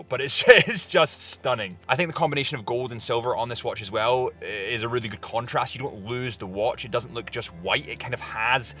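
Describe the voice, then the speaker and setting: A man's voice: mid-range voice, pushed and bright. A man hosting a casual travel vlog outdoors in the snow, chatty and enthusiastic, laughing often. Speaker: host. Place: outdoors in snowy, cold landscape.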